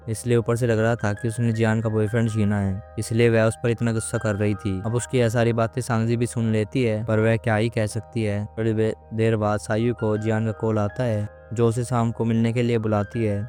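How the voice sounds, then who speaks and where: A man's voice: fairly low pitch, dark tone. A man recapping a TV drama episode in a casual storytelling way, retelling it steadily with small slips and restarts.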